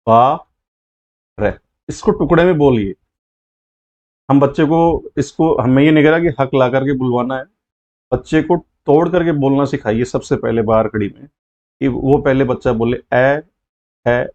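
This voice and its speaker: A man's voice: mid-range voice, darkish tone, muffled recording. A male teacher patiently explaining a lesson step by step, often repeating key points.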